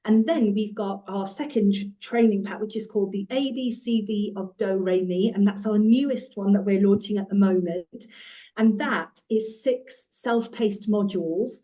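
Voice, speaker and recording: A woman with a mellow, warm tone, explaining children's learning as a podcast guest. She talks fluently and in a teacherly way, and sometimes lifts into a sing-song voice to show an example. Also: medium pitch, normal speed. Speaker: guest from a children's music and movement company. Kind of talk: podcast interview.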